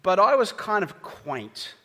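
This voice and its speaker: A very animated Australian man with a high, sharp voice preaches at a slow pace, keeping his sermon conversational and chatty with the people listening. The recording carries the reverb of a church hall.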